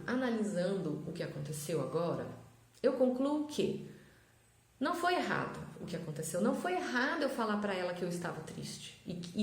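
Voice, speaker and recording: Speaking conversationally and thoughtfully, this woman, a mother of triplets, tells stories and gives parenting advice in a casual monologue peppered with tag questions. Her voice is medium-pitched, recorded with a roomy sound.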